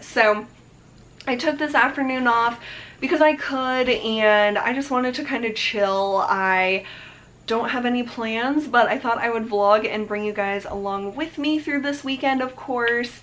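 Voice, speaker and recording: A woman's voice: medium pitch, a bit bright. Chatty young woman beauty vlogger. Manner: chatty, bubbly, many fillers and laughs. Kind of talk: casual chat to camera. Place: bedroom indoors, later outdoors on a porch.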